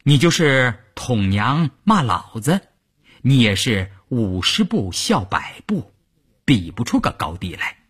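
A ruthless female political commissar who lays out her cruel plans coldly and without hurry, performed by a male storyteller. The voice is husky and breathy, with sharp lifts in pitch. It's told as a traditional spoken story. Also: big pitch swings, full character voice. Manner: cold, slow, deliberate.

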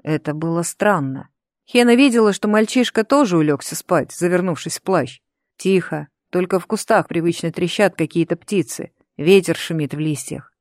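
Female audiobook narrator, lowish pitch, dry close sound, steady delivery. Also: moderate pace, no room sound. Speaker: audiobook reader.

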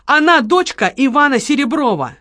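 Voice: high voice, sing-song, normal speed, dry recording, studio quality, voice pushed up, exaggerated voice. Lola, a fierce alarmed young woman, read aloud. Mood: alarmed shout. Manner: urgent, shouting warnings. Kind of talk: audiobook character voice.

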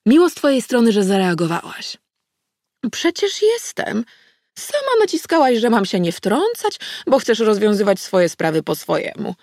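A woman reading an audiobook, voicing an ancient, scarred and mischievous she-wolf goddess who talks in a slow, drawn-out, teasing way. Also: medium pitch, sing-song, darkish tone, no echo, clean studio sound, voice pushed up. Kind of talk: audiobook character voice.

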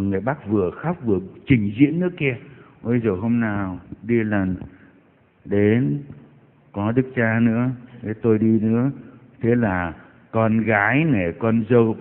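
A man preaches in a mid-pitched voice, telling anecdotes and punctuating them with mocking exclamations. His words carry a long church reverb. The recording sounds narrow and tinny, like a phone line. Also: normal speed. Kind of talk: sermon. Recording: echoey hall over tinny broadcast line.

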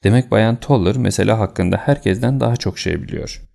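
A man reading an audiobook, voicing a sharp, decisive male detective with a brisk, commanding manner. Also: fairly low pitch, vocal fry.

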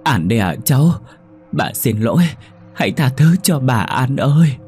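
A man's voice: mid-range voice, sing-song, normal speed, darkish tone, soft background music, voice pushed up, close to an everyday voice. A man voicing a frantic, grieving old village grandmother who wails and pleads. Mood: pleading. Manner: wailing, pleading, insistent.

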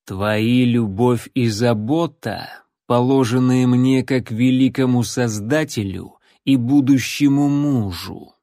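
A man doing a slow, mocking necromancer. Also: medium pitch, mellow, dry recording, clean studio sound. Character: smug, sarcastic immortal male necromancer. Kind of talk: audiobook character voice.

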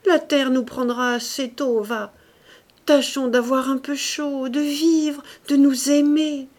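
A woman's voice: high-pitched, fairly even intonation, slow, darkish tone, voice pushed up. A woman voicing a passionate, desperate young lover. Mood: pleading. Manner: passionate, shifting from fury to tender whispers.

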